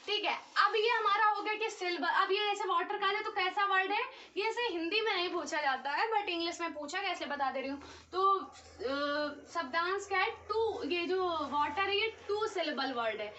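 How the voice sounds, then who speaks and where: A young woman teaching an exam-prep lesson, her voice very high and bright. She goes through the material step by step and keeps checking that the students follow. The sound is dull and heard from a little way off the mic. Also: moderate pace, a little hiss or hum. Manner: explains step by step, often checks with "ठीक है". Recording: dull, slightly distant recording.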